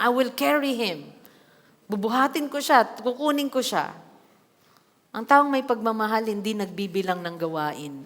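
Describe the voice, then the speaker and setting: A woman pastor preaching a sermon in a church hall, reading scripture and adding lively asides with acted quotes. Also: mid-range voice. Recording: long hall reverb.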